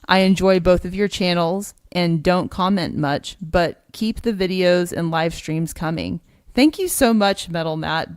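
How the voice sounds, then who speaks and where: Chatty woman co-hosting a livestream, smooth voice. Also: on the low side, dry recording, clean studio sound. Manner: chatty, thanks viewers, reads donations aloud. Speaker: co-host of a precious metals livestream. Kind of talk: casual livestream chat.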